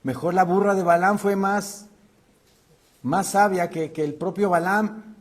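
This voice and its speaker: Slow-preaching man, slightly high voice. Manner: animated preaching, acting out quoted voices. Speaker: pastor. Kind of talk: sermon.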